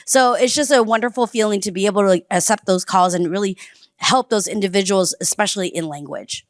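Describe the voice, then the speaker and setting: Female panelist, enthusiastic explainer, mid-pitched, dry close recording. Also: a little fast, no room sound. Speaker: panelist from a civic organization. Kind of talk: panel discussion.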